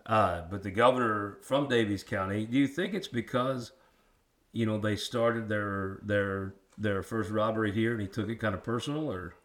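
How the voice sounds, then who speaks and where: A lower-pitched man with a rural drawl hosts a history chat. He is folksy and quick to poke fun at himself, talking casually as he asks questions. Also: fairly bright tone. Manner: folksy, self-deprecating. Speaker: interviewer and host. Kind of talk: casual local history interview.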